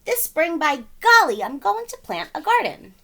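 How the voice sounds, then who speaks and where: A woman voicing an excitable, stubborn, boastful man gardener in a storybook, exclaiming and huffing emphatically. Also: very high-pitched, moderate pace, pitched above the performer's own voice, exaggerated voice. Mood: eager.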